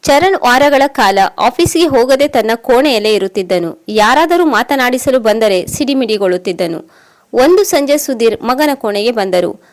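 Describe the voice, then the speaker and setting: Female narrator, a touch high-pitched, even scripted storytelling for an emotional audio story. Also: normal speed.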